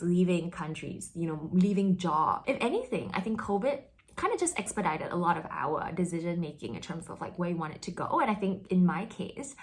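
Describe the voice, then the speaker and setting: Young woman vlogging while she gets ready, lots of likes and you knows, kinda low voice. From Singapore. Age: young adult. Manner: chatty, many fillers like "like" and "you know". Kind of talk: casual talk while getting ready.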